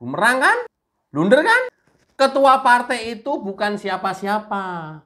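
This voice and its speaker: A woman's voice: fairly high pitch, very animated, unhurried, a bit bright. A woman giving a mocking, emphatic political commentary full of rhetorical questions.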